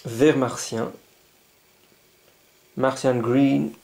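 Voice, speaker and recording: Hobbyist man, casual unboxing chat, relaxed mellow tone, eager and rambling. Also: medium pitch, gravelly, a little hiss or hum. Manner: chatty, enthusiastic, thinking aloud; reads labels aloud haltingly. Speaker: scale model hobbyist.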